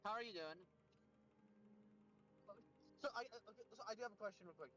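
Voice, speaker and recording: High male voice, eager chatty guest, light music bed. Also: fairly quick, bright, forceful tone, low-quality recording. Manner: chatty, asks questions eagerly. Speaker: stream guest. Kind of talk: casual stream chat.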